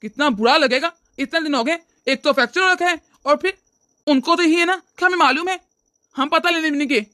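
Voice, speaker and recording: A woman's voice: high voice, fairly quick, sharp tone, no room sound, studio quality. A woman voicing a stern scolding father. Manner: lecturing, reproachful. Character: stern scolding older father-in-law, man. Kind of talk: cartoon voice acting.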